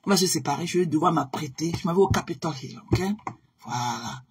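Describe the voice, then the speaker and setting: A woman's voice: low voice, fairly quick, husky. A woman, ranting confrontationally on a live stream and dropping in English phrases. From Cameroon. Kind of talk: heated live-stream rant.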